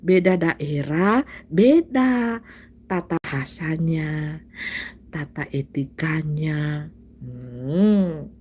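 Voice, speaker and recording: A woman preaches informally to her online congregation in a slow, unhurried way. Her voice sits a little low, and her talk drifts into soft whispers and light chuckles. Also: expressive, slightly rough. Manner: soft, drawn-out delivery with whispered asides and frequent laughter; addresses listeners as "saudaraku" and "Bapak Ibu". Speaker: self-styled prophet on a live stream. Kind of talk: casual live-stream preaching.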